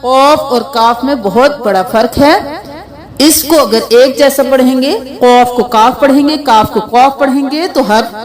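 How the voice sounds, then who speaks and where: High-voiced woman drilling letter sounds. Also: a crowd in the background. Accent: Pakistani Urdu. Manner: slow, drawn-out letter names between quick explanations. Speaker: Quran reading teacher. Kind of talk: letter-by-letter pronunciation lesson.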